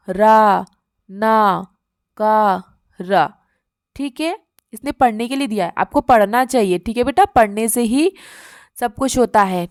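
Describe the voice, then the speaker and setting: A woman teaching a children's reading workbook, coaxing young pupils with questions and slowly repeated letters. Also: fairly high pitch, clear, resonant tone, no echo, studio quality.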